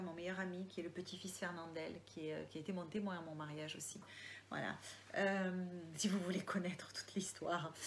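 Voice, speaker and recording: A woman's voice: mid-range voice, slight background noise. A woman with a Marseille accent, an author answering viewers' questions in a casual live session, reading comments aloud and often hesitating and restarting. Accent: Marseille French.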